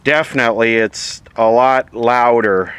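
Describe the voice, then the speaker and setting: This is an American vlogger trying out a vintage CB radio while seated at an outdoor table. He chats casually and wryly in plain terms, his medium-pitched voice steady and measured. There's a faint background hum.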